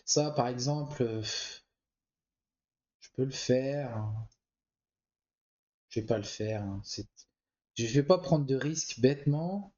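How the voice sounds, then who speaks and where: Slow, with long pauses, a man's warm mid-range voice comes through dull audio. He has a cold and is thinking aloud over a card game he's playing, muttering his options in relaxed let's-play commentary.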